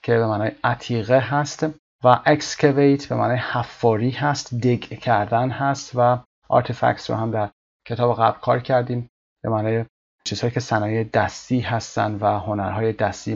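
A man teaching an English vocabulary lesson, explaining words one by one and reading English example sentences slowly and carefully. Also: medium pitch, flat delivery, gravelly, breathy edge, dull audio.

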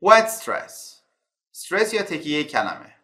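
Guy teaching english, reads phrases slow and clear, bright voice, echoey room. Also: sits high, big pitch swings. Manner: reads English phrases slowly and clearly, then explains them. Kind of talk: language lesson explaining vocabulary and word stress.

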